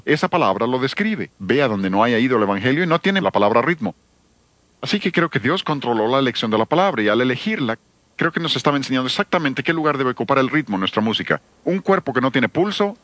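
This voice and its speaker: A man's voice: medium pitch, a bit bright, no echo. A man giving an emphatic sermon-style seminar talk on church music, addressing listeners with rhetorical questions.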